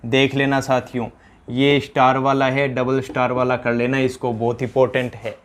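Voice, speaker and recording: A man's voice: mid-range voice, flat delivery, normal speed. A man with a Rajasthani accent teaching an exam-prep grammar lesson, drilling each answer by asking the question again and addressing his students as companions.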